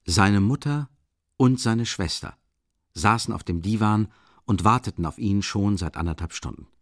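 A man narrating a literary audiobook in a measured, calm and deliberate way, recorded in a studio. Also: on the low side, no room sound.

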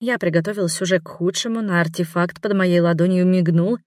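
A woman's voice: lowish voice, steady tone, brisk, a little mellow, no room sound. A woman narrating a first-person audiobook in a wry storytelling manner.

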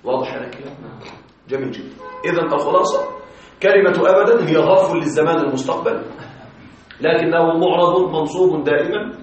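A man's voice: on the high side, fast, long pauses, a little hiss or hum. Man lecturing in a very echoey room. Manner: explains step by step, often checks students follow. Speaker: Arabic grammar teacher. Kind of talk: classroom lecture. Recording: echoey, distant, slightly muffled classroom recording.

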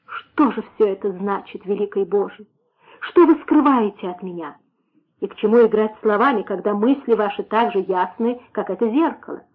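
A woman's voice: mid-range voice, moderate pace, husky, natural voice. A woman reading an audiobook, voicing an anguished young man who pleads and questions with passion. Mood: pleading. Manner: impassioned, questioning. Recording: tinny phone-like sound.

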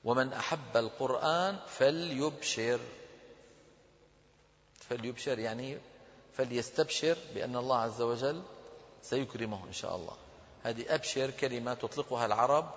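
A man's voice: mid-range voice, big-room sound, muffled recording. A man giving a religious lesson, explaining patiently, quizzing his listeners and correcting their pronunciation. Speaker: religious teacher.

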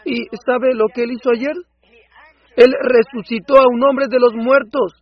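Male preacher for a sermon dub: high, husky, impassioned, swells into loud outbursts, dull lo-fi sound. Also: level tone, unhurried, no echo. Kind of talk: Spanish voice-over of a sermon.

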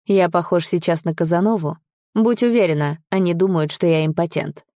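A woman voicing a brooding young man in a wheelchair, gruff and bitter but tender. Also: lowish voice, normal speed, mellow, no room sound, studio quality, close to an everyday voice.

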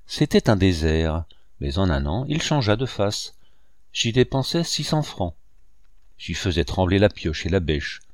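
A man reading a first-person memoir aloud as an audiobook narrator, in a measured, expressive storytelling manner. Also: low voice, dry recording, studio quality.

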